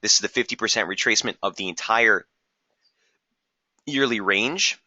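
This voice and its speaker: Hoarse man with a bright, forceful voice. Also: lowish voice, no room sound, dull audio. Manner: brisk, technical, addresses viewers as guys. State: losing his voice, clearing his throat. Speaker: market strategist hosting a webinar. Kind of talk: live trading webinar walkthrough.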